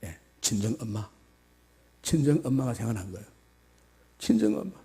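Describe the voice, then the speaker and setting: Pastor preaching in a reverberant church, gravelly. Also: male voice, big pitch swings, moderate pace. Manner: swings between soft low musing and loud high-pitched exhortation; acts out quoted voices of a tearful daughter and her mother. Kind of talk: Sunday morning sermon. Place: church sanctuary. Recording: church hall with long reverb.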